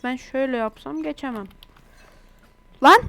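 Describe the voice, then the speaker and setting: A woman talks over her gameplay in a high, bright-toned voice. She chats casually and gets excitable, often breaking into exasperated outbursts. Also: normal speed, gravelly. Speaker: gaming YouTuber.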